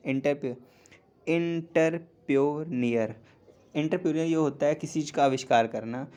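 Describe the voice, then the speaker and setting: A man in his twenties teaching an online English spelling lesson in a casual classroom way. He explains slowly, repeats each word several times and asks and answers his own questions. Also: medium pitch, darkish tone.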